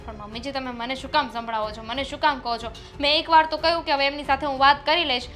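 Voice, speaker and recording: An actress playing a young wife who defends herself to her mother-in-law and grows anxious, with soft music behind. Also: high voice, fairly even intonation, fast talker. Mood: defensive. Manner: defensive, protests then worries aloud. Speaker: actor in a family drama. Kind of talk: short-film drama acting. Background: soft background music.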